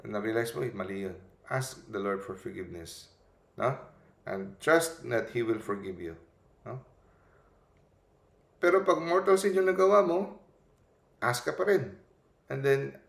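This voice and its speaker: A man giving a gentle, conversational spiritual talk in a mix of Tagalog and English, often checking in with the listener. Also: mid-range voice, creaky, roomy sound. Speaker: preacher.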